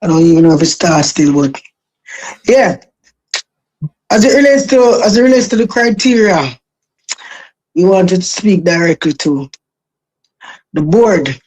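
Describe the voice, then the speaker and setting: A woman with a Jamaican accent and a husky voice, making an argument casually as a guest on a talk show. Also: lowish voice, lively intonation, measured pace, pauses often, darkish tone, low-quality recording. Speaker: call-in guest.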